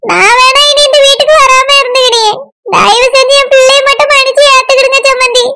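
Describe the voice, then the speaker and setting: Very high pleading cartoon mother played by a woman, wailing and begging, loud noisy background. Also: fairly even intonation, fast. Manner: begs and repeats terms of respect. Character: pleading mother of the daughter-in-law, older woman. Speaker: mother begging her in-laws.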